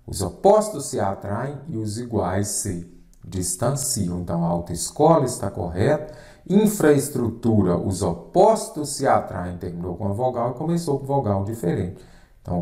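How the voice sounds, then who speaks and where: Brazilian male tutor, lowish voice, insistent, roomy echo. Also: mellow. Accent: Brazilian Portuguese. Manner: emphatic, repeats "correto?" and "anote aí". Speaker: Portuguese teacher. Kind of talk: exam-prep lesson.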